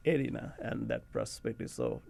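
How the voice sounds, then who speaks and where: A middle-aged man from Bangladesh with a Bangladeshi accent, a guest in a radio studio interview, telling rambling, relaxed stories and often laughing. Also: very deep voice, moderate pace, gravelly. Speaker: guest academic. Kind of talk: casual interview talk.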